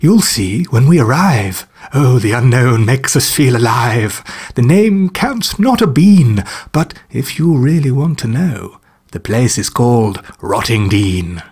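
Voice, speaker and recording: A man's voice: medium pitch, big pitch swings, takes it slowly, a little mellow, husky, exaggerated voice. A man putting on a velvety old movie-star cat. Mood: grand, mysterious. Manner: speaks in rhymes, old movie star airs. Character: old male cat, soft velvety deep voice, grand.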